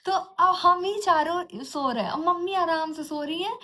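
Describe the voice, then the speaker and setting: Her voice is very high-pitched, pushed and bright, at a moderate pace, as a young woman vlogger chattily shares a horror experience she lived through. She restarts often, uses English words here and there, and recreates eerie noises like giggles and jingling anklets.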